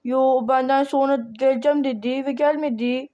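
A hesitant young boy, the older brother, explains where things are in a toy game role-play, as a woman voices him. His voice is high. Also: fairly even intonation, fairly quick, mellow, muffled recording, natural voice.

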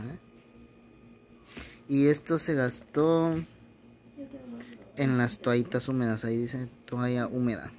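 A man's voice: medium pitch, a little hiss or hum. A young man hosting a charity vlog, explaining things step by step to his viewers. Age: young adult. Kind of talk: casual narration to camera. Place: small bedroom, indoors.

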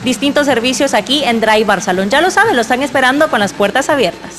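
A young woman reporting for a morning television show, with a bright, upbeat delivery into a handheld microphone in an indoor salon. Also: high-pitched, lively intonation, fast talker, loud music behind the voice. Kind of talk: television segment presenting. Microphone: handheld mic.

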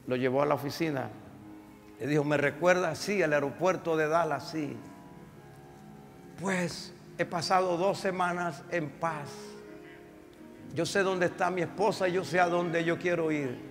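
A male pastor with a high, bright voice preaches a sermon in a church. He tells the story dramatically, moving from loud cries to quiet, hushed passages. The long reverb of the sanctuary and soft music behind him fill the recording.

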